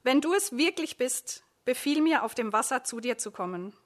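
Woman reading impulsive disciple Peter, loud. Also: high voice, expressive, normal speed. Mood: urgent.

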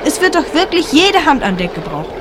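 A woman's voice: high voice, very animated, moderate pace. A woman playing a cheeky, indignant listener who questions the storyteller in a children's radio play, slangy and incredulous. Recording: clear storm noise behind voice.

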